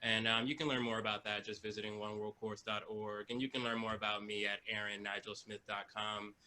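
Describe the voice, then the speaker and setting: A musician and educator introducing himself casually over a video call, soft-spoken and humble with many pauses. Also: male voice, on the low side, flat delivery, poor audio.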